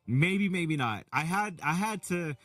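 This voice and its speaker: A middle-aged man chatting casually while reading out chat, rambling and animated with many restarts. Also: fairly high pitch, a little slow, no echo, far from the mic. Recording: from the mic, faint music behind.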